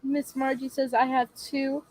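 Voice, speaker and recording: Female bingo host, nursing home activity style: high, unhurried, chats to each player by name. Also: level tone, darkish tone, rough recording. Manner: addresses players by name, reads their comments aloud.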